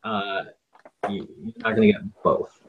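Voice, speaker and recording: A man running a tabletop game as game master, explaining the rules in halting stretches full of ums and restarts. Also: on the low side, flat delivery, narrow, tinny audio, very noisy.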